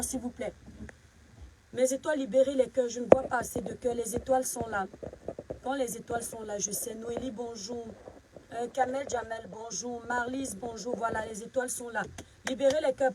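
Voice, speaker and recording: A woman's voice: on the high side, fairly even intonation, brisk, noisy background. A woman from Cameroon hosting a casual live stream, greeting viewers by name and sharply scolding critics. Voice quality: husky.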